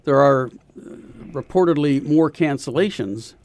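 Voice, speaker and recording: Radio guest, man, insurance consultant, steady explainer, dry close sound. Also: medium pitch, no room sound. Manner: measured, explanatory, with pauses and fillers. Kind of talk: radio interview answers.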